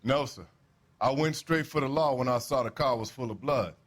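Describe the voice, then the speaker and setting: An actor playing a plain-spoken, defensive American railway worker questioned as a witness in a period crime game. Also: male voice, medium pitch, normal speed, a bit bright, close to an everyday voice. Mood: guarded. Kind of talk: acted crime drama dialogue.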